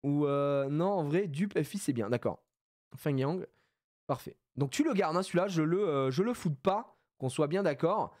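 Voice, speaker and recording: A French man streaming and commentating a game, chatting loosely and bursting into shouts of joy. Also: fairly high pitch, normal speed, no room sound, clean studio sound. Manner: excitable, shouts with joy at big pulls; loose casual chat with fillers.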